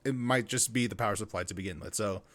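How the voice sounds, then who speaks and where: A man's voice: fairly low pitch, fast, fairly bright tone. A man chatting casually as a podcast co-host, often repeating words as he gets a sentence going. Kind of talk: casual chat.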